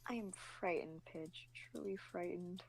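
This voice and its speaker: A woman reading the part of a gentle, sheepish older-brother type man in an amateur fan fiction reading, speaking softly. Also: a little high, animated, moderate pace. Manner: soft, sheepish delivery.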